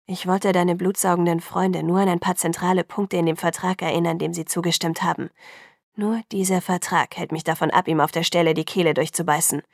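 A woman voicing a hostile, barely restrained young man in an audiobook, pitched a little low. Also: fairly even intonation, fairly quick, dry recording, clean studio sound.

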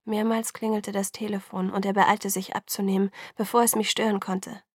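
A woman reads a first-person novel aloud in a steady, even voice. Her tone carries a gravelly, creaky grain. The recording is close and dry, with no room sound. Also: medium pitch, moderate pace, no echo. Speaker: audiobook reader.

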